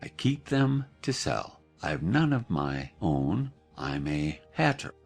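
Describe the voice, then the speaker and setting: A man's voice: low-pitched, big pitch swings, takes it slowly, gravelly, soft background music, exaggerated voice. A man playing a nervous, muddled poor hatter in an audio drama, rambling and apologetic.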